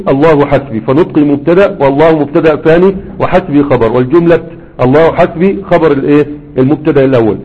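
A grammar teacher with an Egyptian Arabic accent and a slightly high, husky voice explains points repeatedly and quizzes his students with rhetorical questions. The audio sounds tinny, like a phone.

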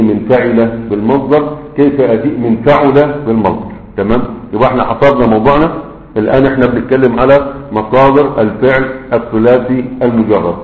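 Egyptian man teaching grammar, roomy lo-fi. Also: medium pitch. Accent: Egyptian Arabic. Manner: patient, explanatory, keeps checking understanding with quick questions. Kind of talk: classroom-style grammar lesson. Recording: roomy, dull lo-fi recording.

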